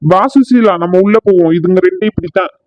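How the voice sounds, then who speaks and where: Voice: medium pitch, fast talker, a little mellow, no echo, muffled recording, close to an everyday voice. A performer playing a defiant, exasperated married son in a cartoon family comedy. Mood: lecturing.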